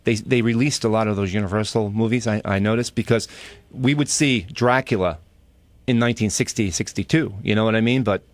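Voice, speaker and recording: A man's voice: fairly low pitch, no room sound. A man hosting a radio interview, eagerly agreeing and chiming in. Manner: eager, affirming, quick to agree. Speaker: radio host.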